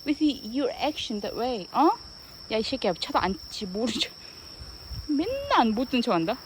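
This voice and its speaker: A woman with a higher, very lively voice talks slowly to her dogs, swinging between cooing and gruff mock scolding. She is recorded outdoors, with clear insect and outdoor noise behind her. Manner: scolding, teasing baby talk, mixing in English. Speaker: pet owner talking to her dogs. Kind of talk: casual chat with pets. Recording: noisy outdoor ambience.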